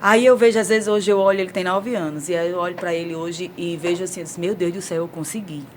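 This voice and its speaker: A woman's voice: lowish voice, quick pace, a little hiss or hum. A woman in her forties with a Northeastern Brazilian accent, candidly telling a personal story on a talk show. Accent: Northeastern Brazilian Portuguese. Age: 40s. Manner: candid, storytelling, animated retelling. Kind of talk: casual talk-show chat.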